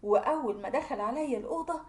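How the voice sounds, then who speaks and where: A woman's voice: high voice, fast talker, a little mellow. A woman with an Egyptian accent narrating a first-person domestic story in a plaintive, confiding way. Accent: Egyptian Arabic. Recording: roomy echo.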